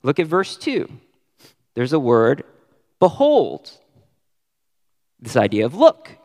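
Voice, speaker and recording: A man preaching a sermon as pastor, stressing key words with sudden rises in pitch. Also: huge pitch swings, takes it slowly, darkish tone, big-room sound.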